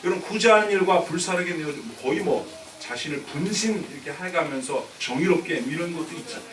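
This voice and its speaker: A man preaches a Sunday sermon, chatting with the congregation and slipping into the voices of the people in his stories. His voice sits high and swings widely in pitch. The recording sounds distant and roomy, like a church hall picked up from across the room. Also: expressive, a little fast, a little hiss or hum. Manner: conversational storytelling preaching, acting out quoted speech. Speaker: pastor. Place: church sanctuary.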